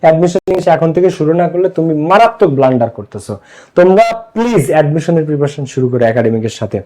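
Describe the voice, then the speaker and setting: Young Bangladeshi male tutor, high-pitched voice, Bangladeshi accent, quizzes the class and answers himself. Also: expressive, rapid-fire, mellow. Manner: asks the class questions and answers them himself. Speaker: English teacher. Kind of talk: online class lecture.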